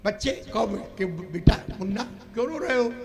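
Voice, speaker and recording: Man as a saint, high voice, animated, storytelling, scolding gently. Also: normal speed. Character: wise saint, storytelling elder. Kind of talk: folk stage play.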